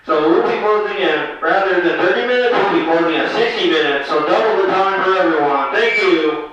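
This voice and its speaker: Man making store loudspeaker announcements. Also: high voice, brisk, highs cut off, background noise. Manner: repeats each notice with "once again", then signs off "thank you". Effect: store public-address loudspeaker announcement. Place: large store. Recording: echoey loudspeaker heard from far off.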